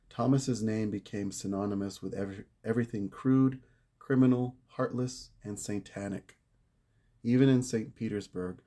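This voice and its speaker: A low-pitched man with a warm, mellow voice reads a story aloud. He tells it with measured drama and lingers on key words. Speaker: reader of a saint's life. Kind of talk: read-aloud narration.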